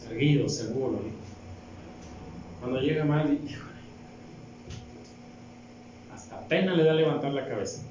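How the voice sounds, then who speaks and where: Mexican deacon preaching in an echoey hall. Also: male voice, mid-range voice, moderate pace, pauses often, a little mellow, a little hiss or hum. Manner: asks the congregation rhetorical questions. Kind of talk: sermon with Bible reading. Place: church hall. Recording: very echoey hall, distant mic, dull sound.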